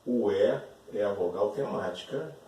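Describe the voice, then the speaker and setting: Professor brasileiro de fala lenta, sala ecoante. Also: male voice, on the low side, animated, mellow, slight background noise. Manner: slow, repeats words, often checks with "certo?". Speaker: teacher. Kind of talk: classroom lesson explaining grammar. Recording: echoey room, voice from a distance.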